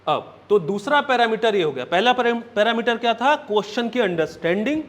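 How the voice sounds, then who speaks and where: A man's voice: sits high, animated, a little fast, fairly bright tone. A male coaching teacher, giving a classroom lecture, laying out points one by one and asking "right?" often. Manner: checks in often with "right?" and "okay?"; explains step by step, counting points aloud.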